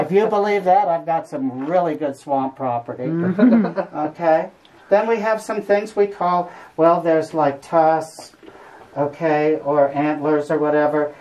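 Low-voiced, folksy woman guiding a tour. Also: dark tone. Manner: folksy, joking. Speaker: cave tour guide. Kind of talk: informal guided tour talk to a group. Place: inside a cave among a tour group. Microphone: visitor's camera at some distance. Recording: noisy on-location camera audio.

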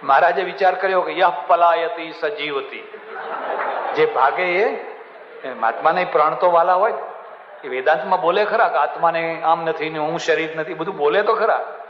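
A man giving a sermon who tells his stories lively and acts out the people in them, with chuckling asides. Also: a little high, moderate pace, slight background noise. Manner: storytelling, acts out characters in the story, chuckling asides. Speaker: swami giving a religious discourse. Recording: echoey hall, muffled sound.

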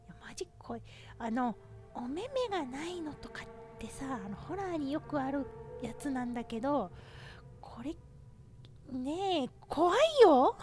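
A woman from Japan with a high voice talks her way through a horror game as a streamer, musing aloud and startling easily. Game music plays clearly under her voice. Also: a little mellow. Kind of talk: casual horror game let's play commentary.

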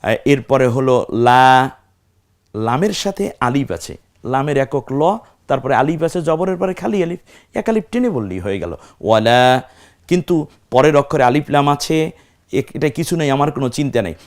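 A man's voice: medium pitch, sing-song, a little fast, pauses often. A man teaching Quran recitation, explaining step by step and drawing out the Arabic syllables he demonstrates. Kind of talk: recitation lesson.

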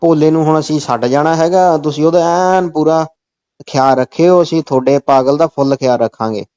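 Brisk and dark-toned, a fairly high-voiced man with a Punjabi accent carries on a comic phone call. Insistent throughout, he keeps falling back on stock expressions. Sound quality is dull and lo-fi.

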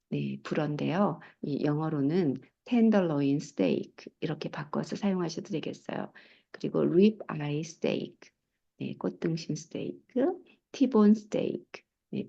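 A woman teaching travel English in a recorded lesson, unhurried and careful as she models each phrase. Her voice sits low and dark, with a gravelly edge. The recording is somewhat muffled and lo-fi. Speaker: English teacher and textbook author.

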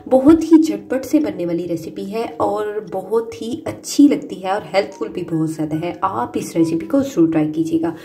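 A woman hosting a cooking channel, narrating a recipe step by step. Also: mid-range voice. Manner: steady instructional narration. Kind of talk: recipe voice-over.

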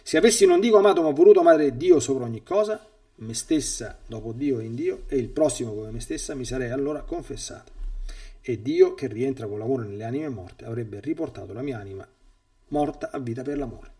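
Mellow-voiced priest giving an emphatic sermon. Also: male voice, mid-range voice, fairly quick, far from the mic. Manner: emphatic, with stammered repetitions when speaking freely. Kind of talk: catechesis sermon, reading aloud and commenting.

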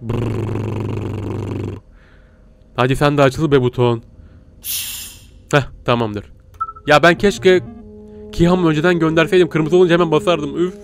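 High-voiced jumpy male game streamer. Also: fairly even intonation, measured pace, long pauses. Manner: jumpy, yelps and laughs when scared; talks to viewers and game creatures. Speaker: gaming streamer. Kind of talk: live horror game commentary.

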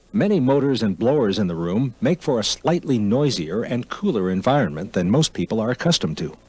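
A man reading scripted documentary narration for a 1992 computer facility tour video, in an even, informative delivery. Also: mid-range voice, husky. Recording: 1992 archival video voice-over.

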